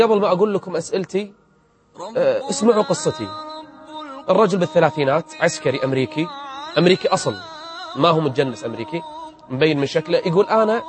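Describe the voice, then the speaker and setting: A man, an Islamic preacher telling a religious story and retelling its dialogue. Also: high-pitched. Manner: lively, retells dialogue in quotes.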